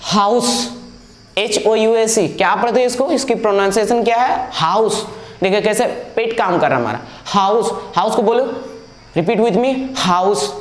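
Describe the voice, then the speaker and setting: A man's voice: sits high, reverberant. A man teaching an English grammar lesson, repeating words over and over for students to copy and scolding those who don't follow along. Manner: drills pronunciation by repeating words, mixes English into talk. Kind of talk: classroom lecture on video.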